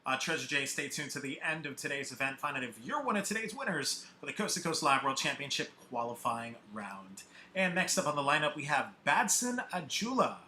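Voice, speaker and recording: Hosting a live online music contest via video call, this man brings on the judges and artists in an upbeat announcer manner. His voice sits on the high side, sing-song, brisk and sharp-toned, with slight background noise.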